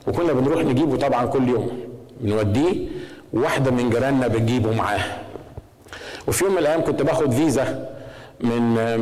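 Egyptian pastor guy preaching fast, keeps asking the crowd if they get it, long church echo. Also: medium pitch, a little mellow. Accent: Egyptian Arabic. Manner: conversational, asks the congregation questions. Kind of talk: sermon.

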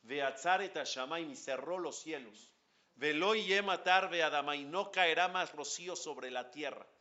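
Bright-voiced rabbi teaching a class. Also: male voice, fairly high pitch, measured pace, dull audio. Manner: animated, asks the audience questions, chants Hebrew prayers. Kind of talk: lively religious class talk.

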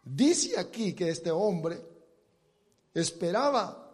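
A man's voice: high voice, sing-song, takes it slowly, husky. Dramatic preacher man in a reverberant hall. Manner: dramatic, acts out the blind man's shouted pleas. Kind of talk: sermon.

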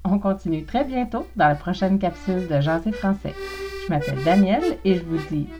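A woman with a Québécois accent teaching French pronunciation in a podcast lesson, speaking slowly and carefully and demonstrating sounds one at a time. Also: on the low side, animated, music in the background.

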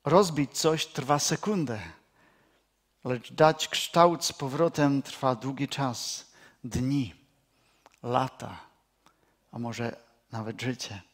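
Slow, measured male preacher. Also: medium pitch. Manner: slow, measured delivery with pauses. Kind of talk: sermon.

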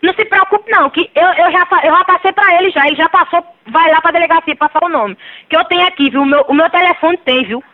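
A woman's voice: extremely high pitch, fast. A woman heard over a phone line, talking in an indignant, scolding way. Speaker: prank call victim.

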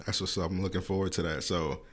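Easygoing podcast host. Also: male voice, low voice, fairly even intonation, quick pace. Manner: loose, slangy, lots of fillers. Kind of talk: casual interview chat.

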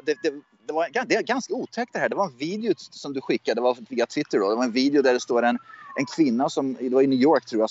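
Speaking as a US correspondent from the southwestern USA, a man chats casually about politics, often hesitating, repeating, and restarting his words. His voice is medium-pitched and darkish, with the highs cut off.

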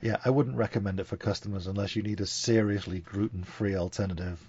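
Guy hosting a podcast, husky low voice, lo-fi sound. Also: steady tone, fast, a little mellow, dry recording. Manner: enthusiastic, chatty. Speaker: podcast host. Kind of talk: casual chat.

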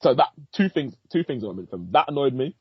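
A man co-hosting a podcast, giving a casual film review, animated, swearing freely and laughing often. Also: medium pitch, fast, breathy edge, no room sound, lo-fi sound. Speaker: podcast co-host, film critic.

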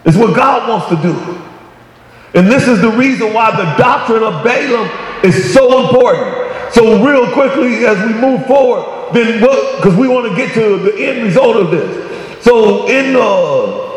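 A man preaching a sermon, calling out to the congregation and rising to shouts on key points. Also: high-pitched, animated, unhurried. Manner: call-and-response preaching, "come on, somebody". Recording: echoey hall with long reverb.

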